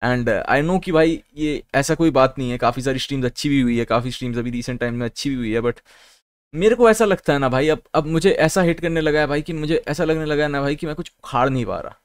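A man's voice: medium pitch, fast, smooth, no room sound. A young man from Kolkata chatting casually on a live stream, joking around, swearing freely and slipping English phrases into his talk. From Kolkata, India. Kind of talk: casual livestream chat. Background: faint background music.

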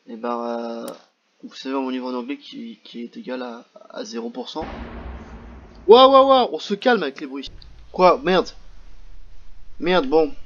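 A man's voice: fairly high pitch, slight background noise. A young man commenting on a horror game he is playing, joking around and yelping when startled. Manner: jokey, excitable, yelps at scares. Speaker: gaming YouTuber. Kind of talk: let's play commentary. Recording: muffled lo-fi mic with game music.

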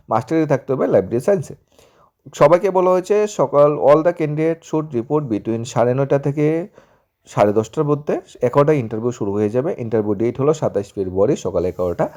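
A man's voice: medium pitch, dark tone. A man, presenting a casual job-news rundown and reading listings with frequent restarts and English terms. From Tripura, India.

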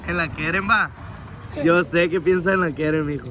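A man's voice: on the high side, moderate pace. A young man with a Sinaloan Mexican accent chatting casually as a vlog host, using heavy street slang and egging on his companions. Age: young adult. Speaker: vlogger hosting a day out with boys. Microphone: handheld phone. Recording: busy street and shop background chatter.

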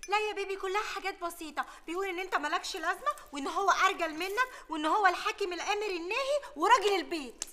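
An excitable, chattering woman. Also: extremely high pitch, rapid-fire, hardly any pauses. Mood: teasing. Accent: Egyptian. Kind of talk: sitcom acting.

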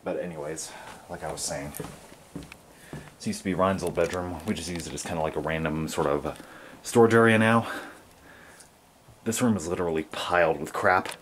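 A man's voice: low-pitched, moderate pace, long pauses, fairly bright tone. A young man giving a casual, rambling tour of his family's house, filming on a handheld camera with lots of fillers. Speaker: vlogger. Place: carpeted family house indoors. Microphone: handheld camera mic. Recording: noisy handheld camera audio.

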